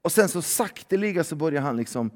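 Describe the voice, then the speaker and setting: A man's voice: a little high, expressive, a little mellow. A man preaching a sermon in a loose, conversational way, full of fillers and tag questions. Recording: long hall reverb.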